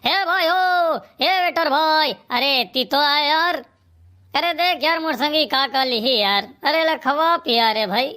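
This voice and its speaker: A voice actor playing a calm village friend in a cartoon comedy, soothing and coaxing in a Chhattisgarhi accent. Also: high-pitched, a little slow.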